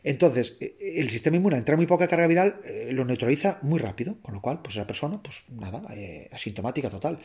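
A man with a Spain Spanish accent talks through a science topic in a loose, explanatory way. His voice sits at a middling pitch. He often stops to correct himself and checks that his listeners follow. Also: expressive, quick pace, hardly any pauses, darkish tone. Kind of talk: informal explanatory talk to an audience.

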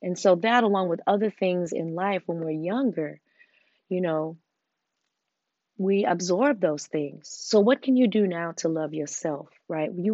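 Earnest lower-voiced woman, dry lo-fi sound. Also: no echo. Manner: earnest and encouraging, shifts to hushed tones. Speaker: host. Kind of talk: motivational talk.

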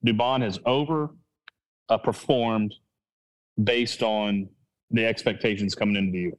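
A man's voice: on the low side, fairly even intonation, a little slow, low-quality recording. A man hosting a casual sports podcast, rambling and restarting his sentences as he thinks aloud. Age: adult with a child. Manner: rambling, full of restarts and self-corrections. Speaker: podcast host.

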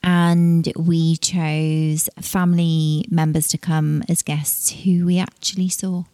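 Chatty woman, lowish voice. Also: flat delivery, slow, mellow. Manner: chatty, laughs easily, talks in asides. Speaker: podcast host and wedding brand founder. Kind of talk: casual podcast chat.

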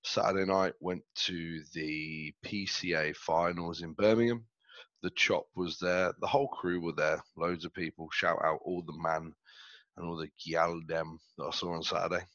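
A stuffy, under-the-weather podcast co-host reclines in a chair at home, talking through a headset in a laid-back, slangy, rambling chat. His low voice is steady, moderately paced, and a bit bright, with no echo but dull audio.

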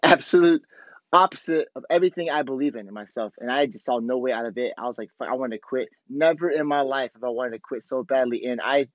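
A hoarse man with a worn-out voice hosting a podcast, talking casually and candidly in a rambling, profanity-heavy motivational monologue. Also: medium pitch, fast talker. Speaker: podcast host. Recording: dull, lo-fi, roomy echo.

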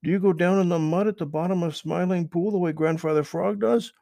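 A man's voice: high voice, steady tone, a little fast, creaky, dark tone, no echo, voice pushed up. A man voicing Peter Rabbit, an eager and apologetic young male rabbit, in an earnest, pleading storybook reading. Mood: curious. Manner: earnest, pleading, wide-eyed.

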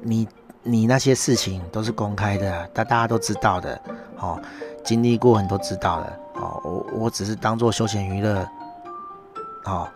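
A middle-aged man with a Taiwanese Mandarin accent, hosting a casual monologue and ranting with sarcastic, mocking asides. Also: fairly low pitch. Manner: sarcastic, mocking rant with constant tag particles. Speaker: podcast host.

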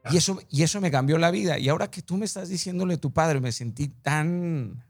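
A man with a Mexican accent interviewing a guest, telling stories in an expressive, theatrical way full of slang. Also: fairly high pitch, fairly quick, soft background music. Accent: Mexican Spanish. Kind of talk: animated conversational interview.

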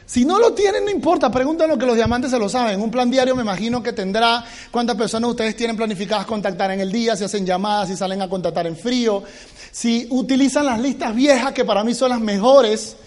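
High-voiced man giving a pep talk. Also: fairly quick. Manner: animated, addresses listeners directly with rhetorical questions. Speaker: business team mentor. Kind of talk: motivational talk to a group.

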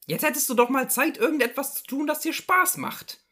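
A woman voicing a fussy, reproachful middle-aged housewife in a comedy sketch, speaking in a high, insistent, scolding voice. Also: fairly quick, fairly bright tone. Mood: nagging.

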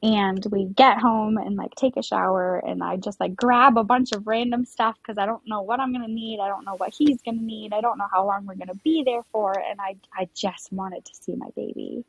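Husky young woman sharing an emotional story. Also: mid-range voice, fairly even intonation, fairly quick, few pauses, low-quality recording. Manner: emotional, heavy use of "like" fillers. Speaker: podcast guest. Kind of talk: personal storytelling interview.

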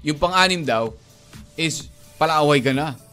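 A man's voice: fairly high pitch, lively intonation, unhurried, bright, forceful tone, clear, resonant tone, faint music behind. A man co-hosting a radio show, talking casually and joking, switching between languages mid-sentence. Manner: chatty, mixes English into speech, jokey. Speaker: radio DJ co-host.

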